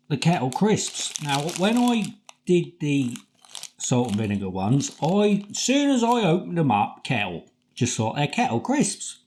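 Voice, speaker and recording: A man's voice: mid-range voice, a little mellow. A middle-aged man with a British accent giving a casual, informal food review to camera in a home kitchen. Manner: informal, chatty, colloquial. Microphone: camera across the table.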